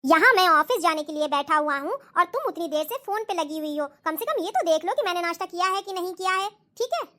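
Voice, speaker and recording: A woman's voice: very high-pitched, lively intonation, brisk, few pauses, bright, forceful tone, exaggerated voice. A woman voicing an impatient young husband in a cartoon, scolding his wife with sarcasm. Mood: irritated. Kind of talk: cartoon voice acting.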